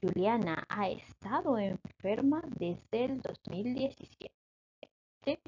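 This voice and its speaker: A woman's voice: a little high, animated, slow, a little mellow, slightly rough. Woman teaching English grammar, lo-fi sound. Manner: explains patiently, checks in with "¿ok?". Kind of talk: grammar lesson.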